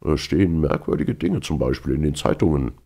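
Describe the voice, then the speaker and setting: A man's voice: extremely low pitch, expressive, brisk, mellow, slightly rough, heavily acted. A man voicing an older, talkative sailor who tells news with firm assurance, in a storybook reading. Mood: gossipy. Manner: assertive, storytelling. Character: older chatty sailor man, gossipy and probing.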